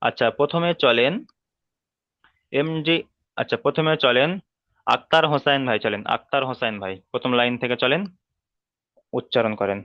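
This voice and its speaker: A man's voice: medium pitch, moderate pace, pauses often, no echo. A male teacher giving an online reading lesson, patiently repeating rules and drilling letter sounds one by one. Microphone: video call. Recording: dull lo-fi online call audio.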